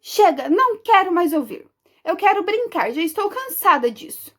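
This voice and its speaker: A woman's voice: extremely high pitch, sing-song, moderate pace, fairly bright tone, exaggerated voice. A woman doing a fed-up little girl. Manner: impatient.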